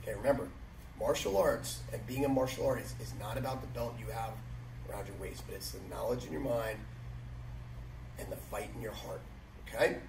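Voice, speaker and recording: A man's voice: medium pitch, a little fast, gravelly. A middle-aged man giving instruction to martial arts students, emphatic and repeating his key phrases. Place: large matted martial arts gym, indoors. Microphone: camera several metres away. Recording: echoey hall, distant mic, background noise.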